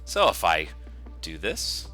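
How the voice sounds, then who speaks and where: A software developer gives a coding tutorial in an informal screencast style, chatting through each step as he works. His low voice is strikingly bright and forward, with wildly swooping pitch, and he takes things slowly. Faint music plays beneath his speech.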